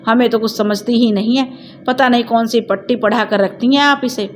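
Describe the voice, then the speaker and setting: A woman's voice: a little high, steady tone, moderate pace, slight background noise, lightly acted. A woman voicing a short-tempered young mother who scolds sharply in a storybook reading. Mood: angry.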